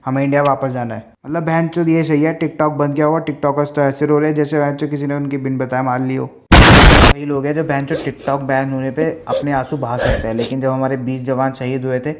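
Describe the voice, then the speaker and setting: A man's voice: medium pitch, level tone, brisk, background noise. A man from Dehradun giving crude, mocking roast commentary full of swearing. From Dehradun, India.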